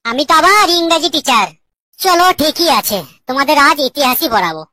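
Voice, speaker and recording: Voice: high voice, big pitch swings, fairly quick, pushed and bright, no room sound, exaggerated voice. A voice actor playing a flustered woman English teacher in a cartoon, scolding her class. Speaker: schoolteacher.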